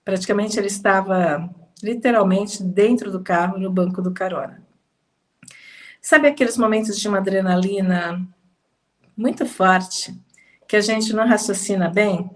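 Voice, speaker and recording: A woman with a Brazilian Portuguese accent telling a personal testimony in a slow, emphatic conversational way, slightly congested. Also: mid-range voice. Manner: slow, emphatic, with pauses and soft laughs. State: slightly congested, fighting sneezes. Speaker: testimony speaker.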